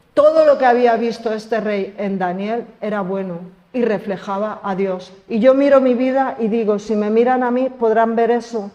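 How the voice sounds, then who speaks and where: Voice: mid-range voice, a little mellow, muffled recording. A preacher with a Spanish accent from Spain, giving a conversational sermon and often asking the congregation questions. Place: church. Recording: reverberant church hall.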